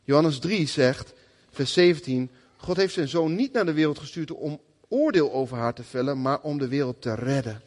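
A man preaching a sermon in a lively, conversational way, often acting out the people he quotes. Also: fairly high pitch, normal speed, long reverb tail.

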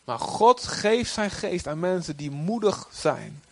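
A man preaching a sermon in a lively way, sometimes acting out quoted figures in a raised voice. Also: high-pitched, takes it slowly, vocal fry, no echo.

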